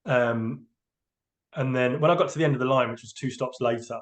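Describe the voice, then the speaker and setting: A man's voice: mid-range voice, fairly quick. A man, a train driver giving a candid, hesitant personal account in a podcast interview. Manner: hesitant, open, emotionally candid.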